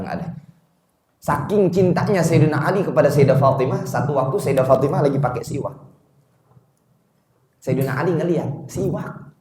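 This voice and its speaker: A male Islamic teacher giving a study lecture to a congregation, telling stories in a lively, slangy way, chuckling and chanting Arabic quotations slowly. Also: mid-range voice, slight background noise. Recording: echoey room.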